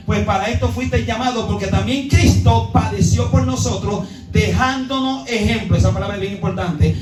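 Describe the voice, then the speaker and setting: A male pastor teaching a Bible study sermon, questioning the congregation and calling for responses, often repeating and correcting himself mid-phrase. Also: high-pitched. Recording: roomy church sound from a distant mic.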